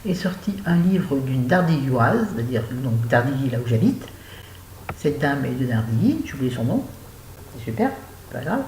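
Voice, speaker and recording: A woman's voice: a bass voice, big pitch swings, normal speed, a little mellow. An older woman from France chatting about books in a rambling, self-mocking, exclamatory way, recorded at home. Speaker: book vlogger. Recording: echoey room with faint hum.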